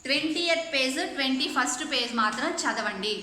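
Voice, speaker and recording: A woman teaching a class, her high, bright voice going through each point step by step and often asking whether students are following. The room is very echoey, with a faint hum of background noise. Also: a little fast. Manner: explains step by step, often checking with "okay?". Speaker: English teacher. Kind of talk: online class lesson.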